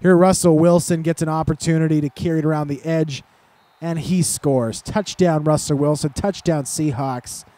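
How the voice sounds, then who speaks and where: A man's voice: on the high side, steady tone, normal speed, warm tone, no echo. A man giving casual, rambling commentary over a football video game, with sarcastic, self-deprecating asides, recorded close on a desk microphone at home. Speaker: gaming commentator.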